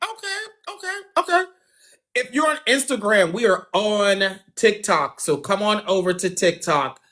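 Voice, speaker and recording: A man's voice: sits high, unhurried, pushed and bright. A man hosting a dating show on a phone livestream, chatting casually, talking straight to viewers and laughing often.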